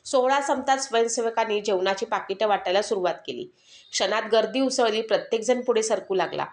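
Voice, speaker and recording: A woman's voice: on the high side, a little fast, a little mellow. Earnest woman storyteller in an echoey room. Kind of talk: scripted narration.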